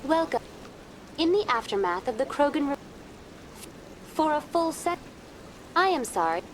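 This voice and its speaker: A woman voicing a polite female virtual guide program in a video game, with a too smooth, evenly polite android-like delivery. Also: high voice, very animated, unhurried, slight background noise, low-quality recording. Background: game music.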